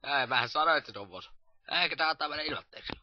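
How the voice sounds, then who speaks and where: A man in improvised amateur comedy, rowdy and mocking, who often shouts crude insults. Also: on the high side, lo-fi sound.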